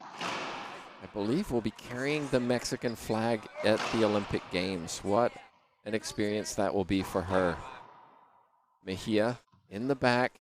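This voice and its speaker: A man hosting live racquet sport commentary, speaking in measured, deliberate phrases with pauses. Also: lowish voice. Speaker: sports commentator and broadcast host. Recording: faint background noise.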